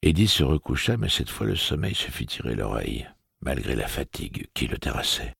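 A man narrating an audiobook in a steady, even storytelling manner with a gravelly, husky voice. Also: extremely low pitch, fairly quick, dry recording, studio quality. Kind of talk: scripted narration.

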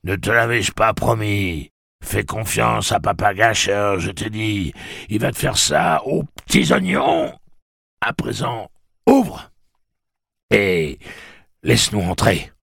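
A man voicing a gruff, crude adult male pirate who bawls and mocks. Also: sits low, normal speed, no room sound, studio quality, exaggerated voice. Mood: bawling. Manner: loud, bawling, mocking and coarse.

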